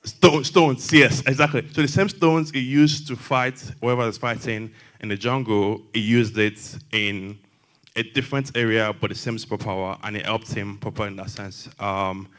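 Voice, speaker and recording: Low-voiced young man, lively panelist. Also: normal speed. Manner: lively, builds to excited highs with superhero analogies. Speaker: panelist, tech consultant. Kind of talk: panel testimony at a church young adults session.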